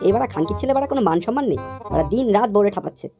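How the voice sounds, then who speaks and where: A woman voicing a crude, hot-tempered father in a cartoon, who swears constantly and yells threats at his son. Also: mid-range voice, lively intonation, very fast, vocal fry, over music. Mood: furious. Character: crude hot-tempered middle-aged father, foul-mouthed. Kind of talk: cartoon voice acting.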